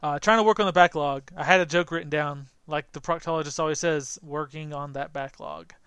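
Smooth-voiced man hosting a podcast. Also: fairly high pitch, steady tone, a little fast, a bit bright, no echo. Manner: rambling, self-interrupting, jokey. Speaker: podcast host. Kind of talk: casual chat.

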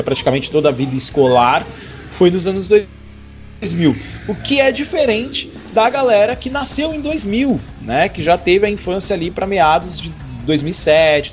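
A man in his twenties hosting a podcast, chatting casually and joking, with many restarts. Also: a little high. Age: 20s. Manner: jokey, laughing, rambling with restarts. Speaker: podcast host.

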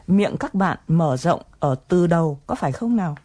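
A woman's voice: on the low side, animated, moderate pace, dark tone. A woman presenting an English lesson, explaining phrases patiently and coaxing learners to repeat them.

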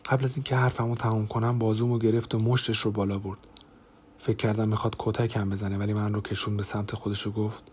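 A man narrating a first-person diary audiobook in a steady, even manner. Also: fairly low pitch, a little hiss or hum.

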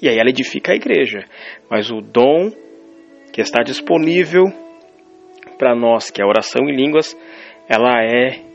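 A man's voice: mid-range voice, expressive, normal speed, vocal fry, long pauses. A man preaching a sermon, emphatic and repeating phrases for stress. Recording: dull lo-fi sound with faint music behind. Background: faint music.

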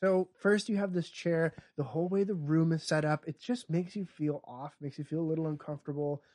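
A man's voice: fairly high pitch, fairly even intonation, a little fast, a little mellow. A man co-hosting a podcast, chatting casually and joking wryly while he works through comedy bits. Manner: wry, joking, acts out bits. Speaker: podcast co-host.

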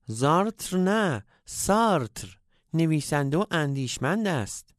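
A man's voice: a little high, clear, resonant tone, dry recording, clean studio sound, voice pushed up, natural voice. A man voicing a timid, lovesick young man in a comic story, speaking meekly and pleading. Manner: meek, pleading.

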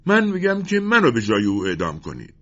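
A man's voice: medium pitch, huge pitch swings, fairly bright tone, lo-fi sound, pitched above the performer's own voice. A man voicing a loyal, passionate soldier in a storybook reading. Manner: passionate, pleading. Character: loyal gruff male soldier.

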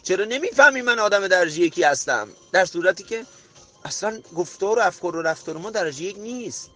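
Guy preaching on a self-help podcast, high bright voice, gets loud and pushy, soft music under him. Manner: preachy, emphatic, rising to near-shouts. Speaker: motivational podcast host. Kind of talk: motivational monologue.

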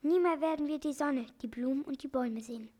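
A woman's voice: sits high, fast, darkish tone, natural voice. A woman voicing a small animal in a storybook, lamenting in a weepy, despairing way.

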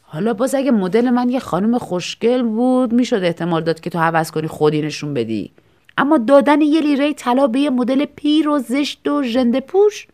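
A woman voicing a self-assured male painter who speaks in an unhurried, teasing way, in a storybook reading. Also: a little high, darkish tone, voice pushed up, close to an everyday voice.

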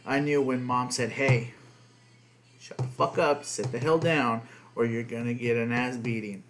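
Speaking unhurriedly at medium pitch with fairly even intonation, a young U.S. dad who learned Spanish first rambles through a casual podcast chat as co-host. He swears often and uses lots of fillers, and the background is noisy.

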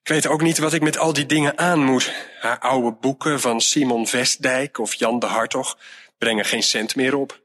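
A man reading a storybook aloud and voicing a fretful middle-aged mother who sighs and scolds as she clears out her late mother's room. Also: medium pitch, steady tone, moderate pace, a bit bright, voice pushed up, close to an everyday voice. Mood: weary. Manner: exasperated, sighing, scolding.

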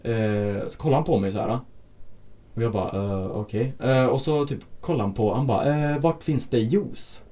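A man in casual chat, recounting work stories about hotel breakfast guests, acting out the quotes and swearing often. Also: on the low side. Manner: animated storytelling with acted-out quotes; frequent swearing.

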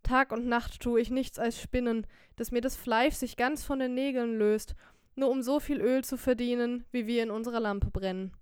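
A woman voicing a young, poor, quick-witted wife in an audiobook, scolding loudly and lamenting theatrically. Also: fairly high pitch, smooth, no echo, studio quality, lightly acted. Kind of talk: audiobook character voice.

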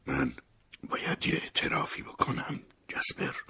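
A man voicing a weak, dying elderly father in an audiobook, speaking in a faint, hoarse, breathy whisper and short of breath. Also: sharp tone. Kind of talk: audiobook character voice.

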